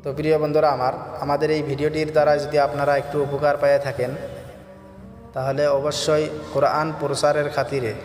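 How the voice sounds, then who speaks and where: A man teaching Quran recitation, chanting verses slowly and then explaining the pronunciation rules in a brisk spoken voice. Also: fairly high pitch, little pitch movement. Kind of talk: tajweed lesson, slow chanted recitation alternating with quick spoken explanation. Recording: echoey reverberant room with faint background music.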